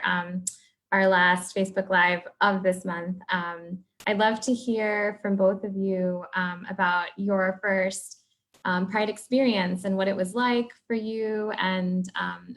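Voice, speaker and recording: A woman's voice: medium pitch, fairly bright tone. A woman family doctor hosting a panel discussion over a video call, friendly and full of ums. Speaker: host, family medicine doctor. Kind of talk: moderating a panel.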